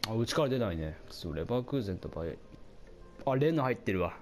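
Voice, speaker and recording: A man doing casual commentary over a football video game, chatting to his viewers and reacting out loud to the plays, his voice getting hoarse. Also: lowish voice, expressive, racing, soft background music. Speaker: gameplay commentator.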